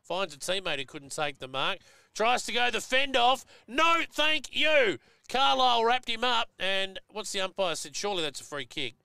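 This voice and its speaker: A man's voice: high voice, big pitch swings, moderate pace, creaky, bright, forceful tone, clear, resonant tone, dry recording. An Australian man giving live football commentary and analysis, chatty and folksy, jumping up sharply at big hits.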